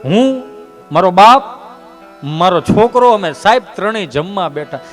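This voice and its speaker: High-voiced comic storyteller man. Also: lively intonation, a little slow, faint music behind. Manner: chatty, keeps addressing the audience as sir. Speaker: comedian. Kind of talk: comic folk storytelling to a live audience.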